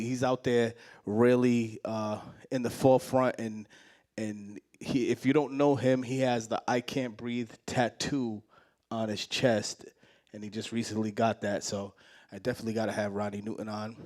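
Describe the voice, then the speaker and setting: Man, talk show host, out of breath, upbeat, repeats himself. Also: medium pitch. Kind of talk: live community talk show.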